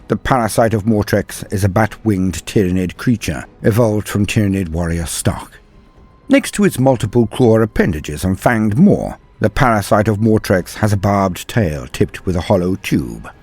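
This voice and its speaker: The host of a fantasy lore channel, a man with a low, husky voice, narrates lore with a very animated delivery. His scripted address is grand, formal and theatrical.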